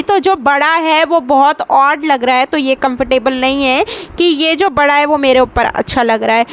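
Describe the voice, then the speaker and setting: Woman vlogger, high voice, chatty, casual voice-over talking to viewers. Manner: chatty, talks straight to viewers. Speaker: beauty vlogger. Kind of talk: casual voice-over vlog narration.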